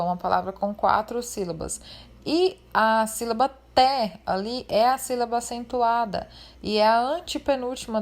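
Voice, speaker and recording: A woman teacher, giving a remote class lesson in a friendly way and explaining step by step. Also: medium pitch.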